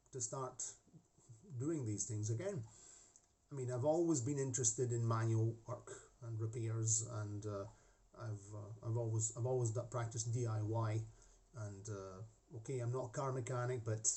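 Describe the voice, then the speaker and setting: A middle-aged man with a mellow, medium-pitched voice and a Scottish-tinged accent (he is half Scottish) hosts a hobby model-making channel. He chats casually to a camera facing him from the desk in his home hobby room, restarting often and drifting into asides.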